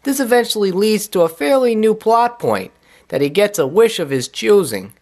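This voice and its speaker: A man giving a sarcastic, wisecracking comedic review of an animated film. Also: high-pitched, normal speed. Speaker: cartoon reviewer.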